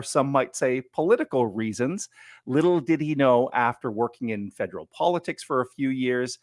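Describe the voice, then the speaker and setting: A man's voice: mid-range voice, no echo, studio quality. A man hosting a business interview podcast, chatty and joking, with frequent fillers and restarts. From Ottawa. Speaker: podcast host.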